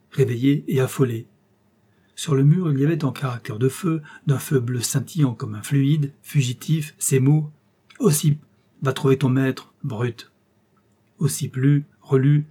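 A man narrating an audiobook with dark, mellow tone and a husky edge. He reads in dramatic, measured phrases, pausing often between clauses. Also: medium pitch. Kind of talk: audiobook reading of a serial novel.

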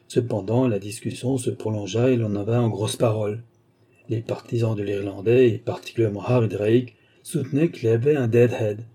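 A man narrating a classic novel in a measured, even storytelling delivery. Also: lowish voice, breathy edge. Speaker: audiobook narrator. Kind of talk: scripted literary narration.

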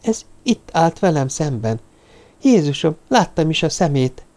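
A man's voice: a little high, very animated, darkish tone, pitched above the performer's own voice. A man voicing a terrified young woman in an audiobook, stammering and panicked. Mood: frightened.

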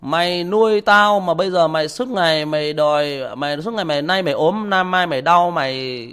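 A man voicing a rude grown son who shouts insults at his father. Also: mid-range voice, expressive, a little slow, natural voice. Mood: scornful shouting.

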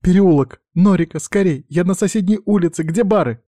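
A man's voice: a little high, normal speed, warm tone, dry recording, voice pushed up, close to an everyday voice. A male reader voicing a frightened, tearful young red-haired woman who sobs and sniffles as she talks, in a dry-sounding recording. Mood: panicked. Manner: sobbing, sniffling.

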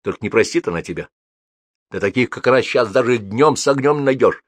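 A man voicing a seasoned police colonel who speaks calmly and firmly with a dry irony. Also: mid-range voice, fast, dry recording, pitched above the performer's own voice, lightly acted. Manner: calm, firm, dryly ironic. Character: seasoned police colonel, calm, dryly ironic.

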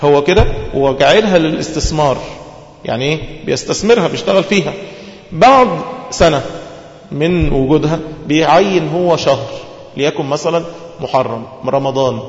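A man with an Egyptian Arabic accent delivers a rapid religious lesson in a slightly high voice. He keeps asking the listeners questions and answering them himself. The sound is dull and lo-fi, with long reverb from a large hall. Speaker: preacher.

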